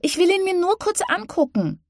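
A woman's voice: very high voice, big pitch swings, normal speed, no room sound, studio quality, voice pushed up, heavily acted. A woman voicing a young girl who is eager and sulky in an audiobook. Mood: pleading. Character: excited little girl, pleading and sulky.

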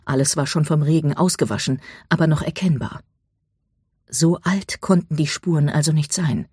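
An audiobook narrator reading a dramatic story, dropping to a hush at tense moments. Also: medium pitch, moderate pace, husky, dry recording, clean studio sound.

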